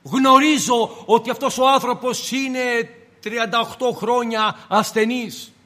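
A man's voice: very high-pitched, pushed and bright, long reverb tail. A man preaching a sermon with passion, asking rhetorical questions and speaking in turn as the Lord and the believer.

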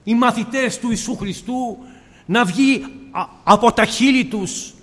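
High-voiced male preacher in reverberant hall. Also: fairly bright tone. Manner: impassioned, rhetorical questions. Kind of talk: sermon.

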